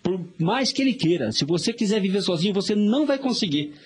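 Middle-aged brazilian man, high-pitched, chatty folksy talk w/ preachy bits. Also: expressive, fast, slightly rough. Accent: Brazilian Portuguese. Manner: chatty and folksy, preachy asides, frequent filler tags. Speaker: interview guest, vice mayor and pharmacist. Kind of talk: casual interview talk.

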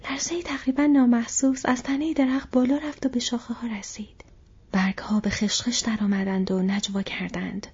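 A woman narrating an audiobook in a steady, even storytelling manner. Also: medium pitch, husky. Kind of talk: scripted narration. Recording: dull lo-fi recording.

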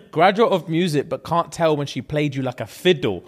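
A man's voice: a little high, breathy edge. A young man with a London roadman accent, reading out online comments in slangy, jokey casual banter. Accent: London, urban roadman slang.

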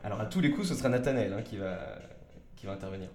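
A man's voice: lowish voice, fast, over music. Chatty joking man in a roomy space. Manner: joking, chatty, laughs often. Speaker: co-host. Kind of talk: casual chat. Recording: roomy echo.

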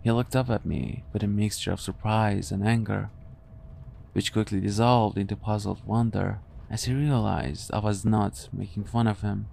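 A man calmly narrating a first-person story in a measured, even way. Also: lowish voice, gravelly, slight background noise. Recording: faint background music.

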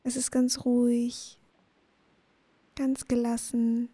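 A woman narrating a guided bedtime sleep meditation in a soothing, gentle, breathy voice that often nears a whisper. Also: a little high, monotone, slow, no room sound. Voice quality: breathy, soft.

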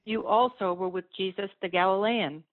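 A man's voice: sits high, steady tone, normal speed, natural voice. A man reading an accusing servant and crowd voices in a dramatized scripture reading, plain and brief. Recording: tinny phone-line audio.

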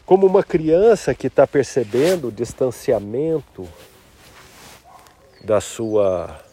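A man guiding a meditation in an unhurried, drawn-out way. His voice is warm and mellow. He speaks softly and reflectively, with long pauses between phrases. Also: medium pitch. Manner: slow, soft-spoken, reflective. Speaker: meditation guide. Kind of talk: guided meditation.

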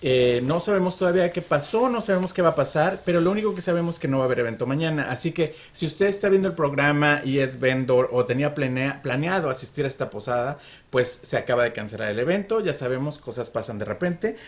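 A man's voice: fairly high pitch, fast talker. A man from Mexico City with a Mexican accent, hosting a radio show in an upbeat, chatty way. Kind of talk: casual chat.

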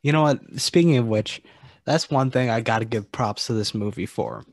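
A man's voice: mid-range voice, normal speed, no room sound, clean studio sound. A man co-hosting a podcast, talking through ideas thoughtfully with some hesitation and stammered starts. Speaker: podcast co-host. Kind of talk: casual movie discussion.

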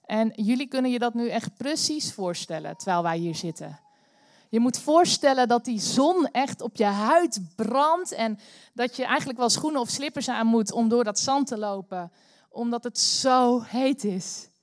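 A Dutch woman preaching a sermon in church, telling a story with animated bursts of energy. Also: fairly high pitch, normal speed, no room sound, studio quality. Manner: animated, bursts into loud cheering when acting out the story. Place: church hall.

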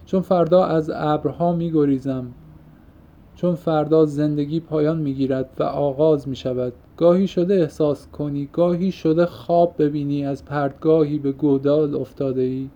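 A man's voice: fairly high pitch, warm tone, natural voice. A man reading an audiobook, voicing an impassioned young man who pours out his heart in fervent, poetic outbursts. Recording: muffled lo-fi recording.

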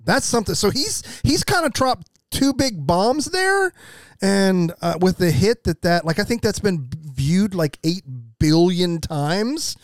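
A man's voice: high voice, sing-song, measured pace, no echo, studio quality. An American man co-hosting a podcast in casual, rambling chat, speaking with emphasis. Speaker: podcast co-host.

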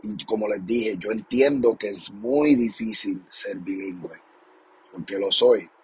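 A man's voice: lowish voice, measured pace, slightly rough. A young adult man, hosting a podcast in a casual monologue, passionate and encouraging, often repeating his points and tagging them with a question. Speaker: podcast host.

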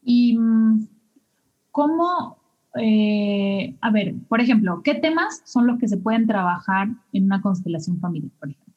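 A woman's voice: mid-range voice, animated, unhurried, dull audio. A woman hosting a casual interview, thinking aloud with many fillers.

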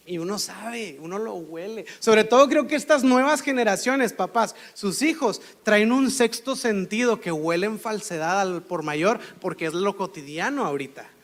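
High-voiced Mexican man preaching casually. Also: lively intonation, normal speed, hardly any pauses, fairly bright tone. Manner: conversational, acts out quoted voices. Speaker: pastor. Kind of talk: sermon.

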